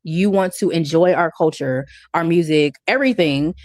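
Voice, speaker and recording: An American woman giving a steady, reflective commentary while telling personal stories. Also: low voice, moderate pace, dry recording, clean studio sound. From United States. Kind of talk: casual commentary.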